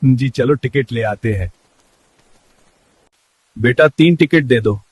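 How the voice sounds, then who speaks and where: A man's voice: medium pitch, takes it slowly, slightly rough, no echo. A man voicing a good-natured, caring grandfather in a family drama.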